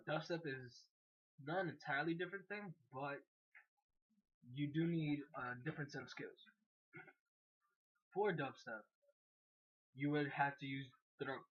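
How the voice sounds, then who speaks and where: A man teaching beatboxing basics in a relaxed, casual way, with fillers and small jokes. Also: a little high, breathy edge, dull audio. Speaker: beatbox tutor. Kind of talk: casual how-to demonstration.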